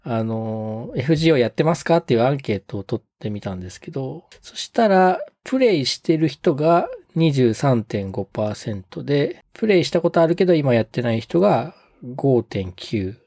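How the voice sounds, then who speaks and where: A man's voice: mid-range voice, big pitch swings, moderate pace, few pauses, mellow, no room sound, clean studio sound. A man co-hosting a podcast, chatting casually and politely with lots of hesitant fillers. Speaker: podcast co-host.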